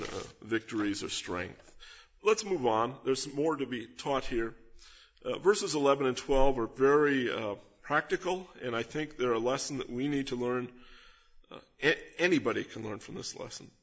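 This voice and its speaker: Husky-voiced preacher teaching scripture earnestly. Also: male voice, medium pitch, highs cut off. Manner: earnest, emphatic teaching with rhetorical questions. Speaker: pastor. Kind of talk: expository sermon.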